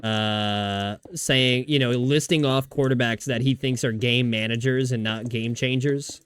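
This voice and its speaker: A man with a mid-range, clean-toned voice streams a video game, talking a little slowly with fairly even intonation. He chats casually and ramblingly with his viewers, swearing often and restarting his sentences.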